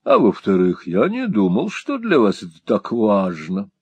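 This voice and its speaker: A man's voice: on the low side, huge pitch swings, unhurried, slightly rough, no room sound, muffled recording, exaggerated voice. A man voicing a cynical, scheming aristocrat who drawls in a languid, condescending way. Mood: drawling.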